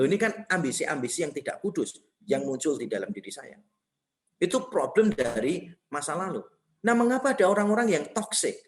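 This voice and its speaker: A middle-aged man from Indonesia, preaching a sermon in a conversational, storytelling way. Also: high voice. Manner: conversational, animated storytelling with laughs. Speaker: pastor.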